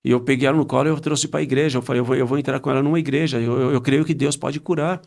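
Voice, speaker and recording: A man, a pastor recounting a healing testimony on a podcast, acting out dialogue and rising in pitch as he gets excited. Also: racing, gravelly. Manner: animated retelling with quoted dialogue, rising pitch when excited.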